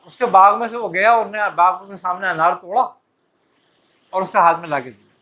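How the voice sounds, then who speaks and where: A man's voice: high voice, sharp tone. A man, a Sufi teacher, telling a religious story in a casual way and acting out the dialogue of its figures. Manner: casual, acts out dialogue with quick voice shifts. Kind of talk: storytelling talk to disciples. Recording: dull lo-fi recording.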